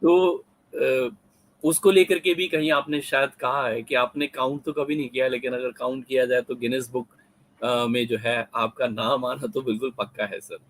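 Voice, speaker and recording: A man's voice: medium pitch, steady tone, normal speed, poor audio. A man hosting an interview over a video call, asking respectful questions in a polite, deferential manner. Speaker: host.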